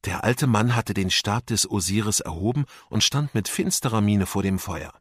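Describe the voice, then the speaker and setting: A man narrating a children's audiobook in an expressive storytelling manner. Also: on the low side, moderate pace, slightly rough, dry recording, clean studio sound.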